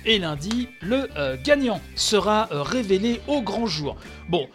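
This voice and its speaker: A man's voice: high-pitched, animated, unhurried, a bit bright, soft background music. A man hosting a solo podcast, talking through news in a chatty way, with many fillers while reading and quoting an article. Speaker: podcast host.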